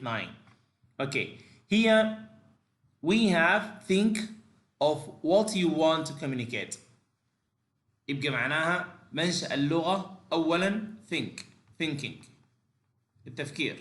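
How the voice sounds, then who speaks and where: A male language teacher, giving a bilingual lecture and moving between halting English and rapid explanations full of fillers and restarts. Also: on the high side, a bit bright, reverberant.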